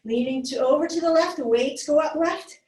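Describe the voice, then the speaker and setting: A woman's voice: sits high, normal speed, a little mellow. Winded woman cueing a yoga weights class. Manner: cueing moves, encouraging, slightly winded. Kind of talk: live class instruction. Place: yoga studio. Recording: echoey room, voice from far off.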